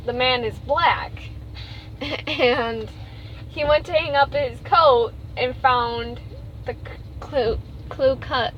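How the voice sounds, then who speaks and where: A young woman co-hosting a casual podcast, giggly and quick to push back when she is teased. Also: high-pitched. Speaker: podcast co-host. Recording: dull lo-fi recording with loud background noise.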